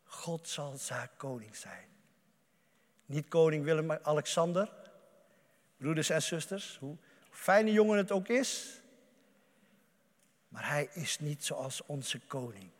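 A male preacher delivering an impassioned sermon, swinging between loud outbursts and hushed murmurs. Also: fairly high pitch, expressive, takes it slowly, long pauses, big-room sound.

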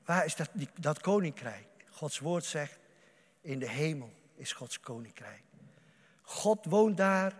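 Impassioned high-voiced male preacher, echoing hall. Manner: impassioned, swinging from loud outbursts to hushed murmurs. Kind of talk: sermon.

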